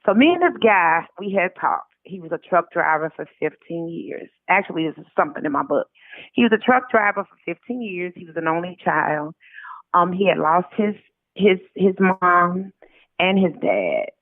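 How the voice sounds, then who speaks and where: Over a thin, tinny phone line, an American woman shares personal stories as an interview guest, speaking colloquially and performing quoted lines. Her fairly low voice moves at a moderate pace with lively intonation, and there's no room sound.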